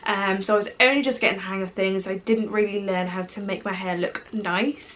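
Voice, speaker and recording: A woman's voice: mid-range voice, steady tone, fairly quick, fairly bright tone. A woman in her twenties with a British accent, chatting casually to camera as a vlogger, rambling and full of fillers. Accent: British English. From Portugal. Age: 20s.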